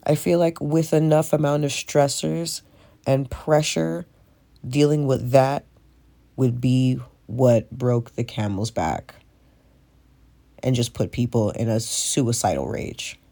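A man's voice: medium pitch, slow, creaky, warm tone. Stoned man rambling, stoner podcast host. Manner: frequent swearing. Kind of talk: casual rambling solo monologue.

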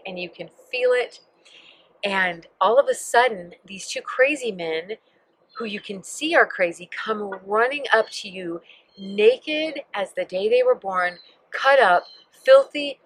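A woman's voice: mid-range voice, fairly bright tone, dry recording, rough recording. A woman leading a guided Bible meditation, reading scripture aloud and telling listeners to picture the scene, speaking vividly and emphatically. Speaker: Bible teacher.

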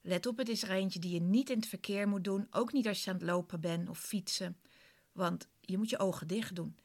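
A woman's voice: mid-range voice, fairly quick, a little mellow. A woman instructor casually explaining a relaxation exercise, speaking directly to the listener. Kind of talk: casual spoken introduction to an exercise.

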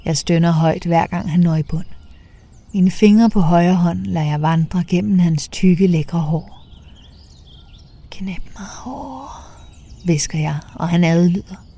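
A woman narrating a first-person story in a soft, half-whispered way. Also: lowish voice, steady tone.

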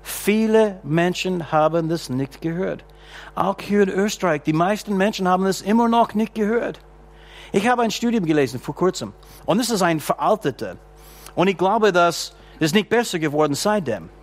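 A pastor with a notably high voice for a man preaches a church sermon. He drags out his lines slowly, repeats each key phrase for weight and punctuates it with hallelujahs and amens. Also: animated. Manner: slow, deliberate preaching with drawn-out lines.

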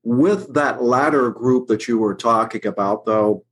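A male talk-show host with an ordinary, mid-range voice. He puts his questions to the guest in a steady, measured way. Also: mid-range voice. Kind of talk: interview questions.

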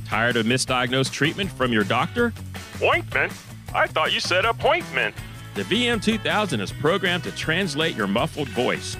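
A man's voice: on the high side, big pitch swings, moderate pace, sharp tone, faint music behind, pitched above the performer's own voice. A man doing a hyped infomercial announcer. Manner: hyped, salesy, punchy. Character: overexcited male infomercial announcer. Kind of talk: mock commercial.

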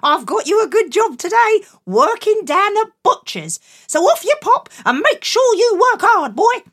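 A woman voicing a bossy, exasperated mother who scolds her son in a shrill, loud voice. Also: sing-song, a little slow, exaggerated voice.

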